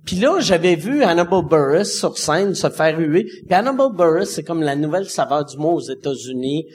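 A man in his forties with a Québécois accent, a stand-up comedian telling a story in casual talk, swearing freely and dropping low for punchlines. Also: animated, moderate pace, a little mellow. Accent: Québécois French. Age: 40s.

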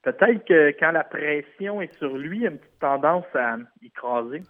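A man's voice: a little high, animated, normal speed, dry recording, phone-quality sound. A man co-hosting a boxing podcast, talking in an offhand, joking way. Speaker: podcast co-host. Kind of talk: casual chat.

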